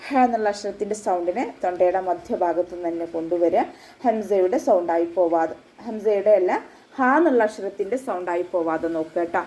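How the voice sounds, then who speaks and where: A woman's voice: fairly low pitch, a little fast, dark tone, low-quality recording. A woman Quran teacher giving a patient, step-by-step tajweed lesson, often checking that her students follow. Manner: patient step-by-step instruction, with frequent checks for understanding.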